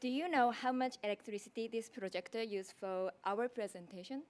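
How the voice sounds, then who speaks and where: A young woman with a strong Japanese accent, a design graduate student, gives a prepared thesis presentation. She speaks carefully with frequent restarts, in a voice on the high side and at a slightly fast pace.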